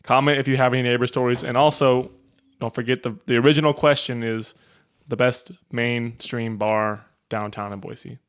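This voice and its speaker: A man co-hosts a laid-back chat show. He chuckles and talks informally, addressing viewers directly. His voice sits at an ordinary pitch for a man. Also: fairly even intonation, moderate pace, smooth. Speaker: podcast co-host. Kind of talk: casual chat.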